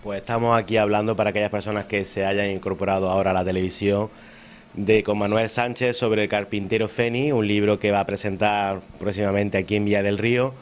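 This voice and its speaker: A man with an Andalusian Spanish accent hosting a local TV interview, asking measured, leading questions. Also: lowish voice, steady tone, slight background noise. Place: local TV studio.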